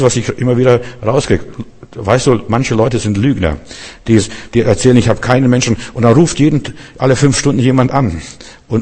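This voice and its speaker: Husky-voiced man preaching in a reverberant hall. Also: on the low side, a little mellow. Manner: rambling, with frequent restarts, addresses listener as du. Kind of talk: sermon.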